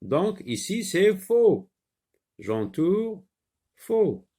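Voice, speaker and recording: Slow, patient male teacher. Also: high-pitched, sing-song, warm tone. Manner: slow, patient, spells out sounds and repeats sentences. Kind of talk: reading-book lesson for young children.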